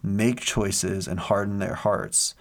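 A man's voice: fairly low pitch, fairly even intonation, takes it slowly, vocal fry. A man in a casual faith discussion, telling stories earnestly with lots of fillers and restarts. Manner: earnest, rambling storyteller with many fillers.

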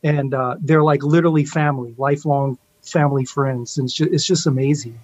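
A man's voice: medium pitch, steady tone, a little fast, slight background noise. A man chatting informally as an interview guest, laid-back and reminiscing, over a dull online-call connection. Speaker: interview guest, steel pan musician. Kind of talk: casual chat, reminiscing.

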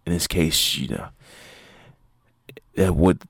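Man, podcast host, martial arts instructor, very deep, gravelly, dry close sound, rambling, filler-heavy. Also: takes it slowly, fairly bright tone, no echo. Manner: rambling, many fillers and restarts. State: sleepy, yawning. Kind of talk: casual solo podcast talk.

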